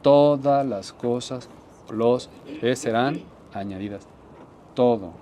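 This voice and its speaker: A man, a pastor giving an earnest sermon testimony, often repeating phrases and dropping to soft tones for emphasis. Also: mid-range voice, slow, a little hiss or hum.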